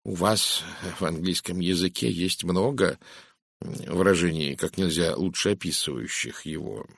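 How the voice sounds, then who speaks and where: A man reading an audiobook, voicing a calm, soft-spoken foreign detective who speaks slowly and quietly. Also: on the low side, gravelly, slightly rough, no echo, studio quality, exaggerated voice. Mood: measured. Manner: quiet, slow, measured.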